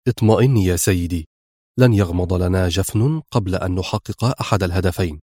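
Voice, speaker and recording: A cool, wry young secret agent , read by a man in a spy audiobook. The voice is low and confident, recorded close and dry. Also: brisk, no echo. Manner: calm, wry.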